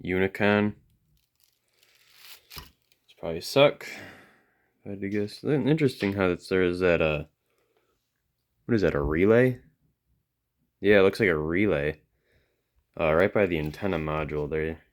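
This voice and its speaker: A low-voiced man hosts a hobbyist video, giving casual, off-the-cuff hands-on commentary while musing and thinking aloud as he goes.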